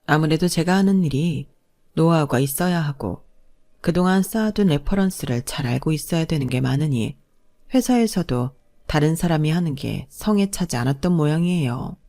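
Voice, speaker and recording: A woman's voice: sits low, expressive, moderate pace, mellow. A woman narrating her own story in first person, plaintive and assertive when she argues back.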